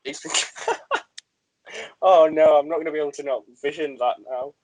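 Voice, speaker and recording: A man's voice: on the high side, normal speed, a little mellow, dry recording, low-quality recording. Chatty man hosting a podcast. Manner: chatty, self-deprecating, laughs often. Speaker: podcast host. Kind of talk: casual podcast chat.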